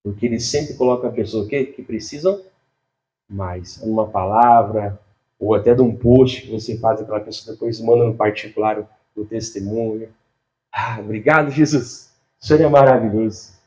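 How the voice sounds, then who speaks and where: A man preaching a sermon as a pastor, animated, swinging between loud and soft, laughing often and speaking straight to the congregation. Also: on the low side, moderate pace.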